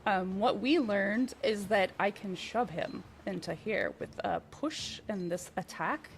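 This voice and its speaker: A woman's voice: medium pitch, slight background noise. A woman hosting a live game stream. She is easygoing and laughs often while she plays and explains. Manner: giggly, easygoing, unhurried. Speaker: stream host.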